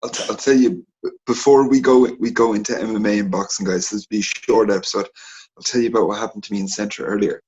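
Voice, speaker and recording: Husky man telling a rambling story. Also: fairly low pitch, fast talker, dull audio. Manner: animated, rambling anecdote-telling. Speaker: podcast co-host. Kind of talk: casual sports podcast chat.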